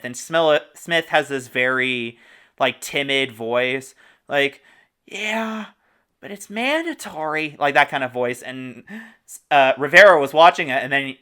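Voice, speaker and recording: A man's voice: mid-range voice, sharp tone, clean tone. A man hosting a casual movie discussion, enthusiastic and informative, sharing trivia about the cast. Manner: enthusiastic, informative, quick asides with laughs. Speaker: podcast host.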